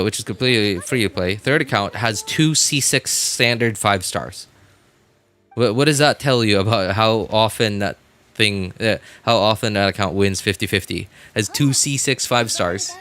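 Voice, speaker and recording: A fairly low-pitched man with a fairly bright tone chats casually on a game livestream. He reads viewer comments and replies hesitantly, often repeating his phrases, with background music underneath.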